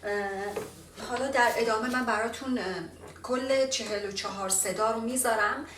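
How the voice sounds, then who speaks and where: A woman from Iran gives a casual lesson on pronunciation, slowing down to model each English sound. Her voice is a little off the mic in a roomy space. A faint ambience runs behind her. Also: on the high side, fairly even intonation, a bit bright, recorded from a distance, slight background noise. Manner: explains by modelling sounds slowly, with fillers. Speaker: language teacher.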